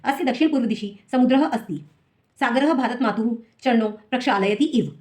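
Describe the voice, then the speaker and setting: A woman's voice: on the high side, a little fast, darkish tone. A woman teacher who reads each exam question aloud and then explains the answer step by step for students. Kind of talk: solving an exam paper for students.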